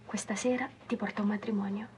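A woman's voice: mid-range voice, steady tone, fast talker, a little mellow, lightly acted. An actress playing a young woman photographer who pleads with her boss and whispers playfully on the phone. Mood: whispered. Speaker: film character Alice, a photographer. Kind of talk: film dialogue. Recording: film soundtrack with faint background noise.

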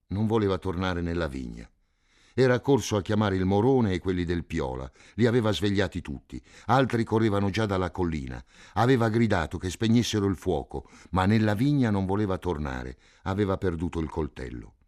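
Deep-voiced man reading a novel aloud. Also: lively intonation. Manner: measured, sinks low and quiet at phrase ends. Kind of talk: literary audiobook reading.

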